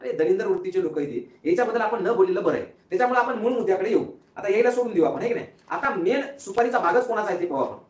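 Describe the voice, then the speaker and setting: Guy ranting super fast, mocking, keeps asking the viewers, echoey room, mic kinda far. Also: high-pitched, expressive, a little mellow. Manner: mocking, repetitive, rhetorical "है की नाही?" asides. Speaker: political commentator. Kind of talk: casual political rant to viewers. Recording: roomy, from a distance off mic.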